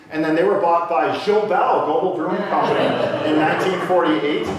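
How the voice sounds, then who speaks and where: Joking and chatting with his listeners, a man presents a casual public talk on the history of local brewing before a live audience in a lecture room. His medium-pitched voice is picked up from a distance, off mic, in an echoey space with faint hiss.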